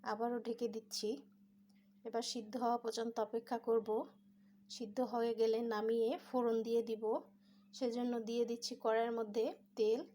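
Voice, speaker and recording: A woman calmly narrating her home cooking step by step as host of a cooking channel. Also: a little high, fairly quick, a little hiss or hum. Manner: calm step-by-step instructions.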